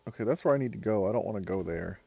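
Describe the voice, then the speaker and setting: A man's voice: fairly low pitch, expressive, rapid-fire, vocal fry, mellow, slightly rough. A man streaming a game live, breaking into fits of laughter and swearing in disbelief. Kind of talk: live gameplay commentary.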